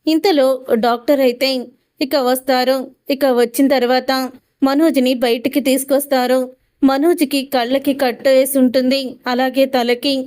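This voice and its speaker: A woman's voice: high voice, flat delivery, measured pace, darkish tone, clear, resonant tone. A woman retelling a TV serial episode, narrating the story and reading out each character's lines in quotes. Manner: recounts dialogue in quotes with frequent "ani antu untundi" tags.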